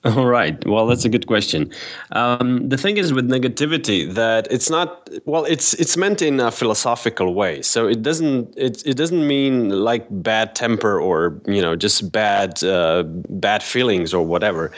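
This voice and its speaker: Man, lowish voice, hesitant academic guest, lots of restarts. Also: animated, a little slow. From Slovenia. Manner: hesitant, many restarts and fillers, careful explaining. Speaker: philosopher guest. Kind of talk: casual interview.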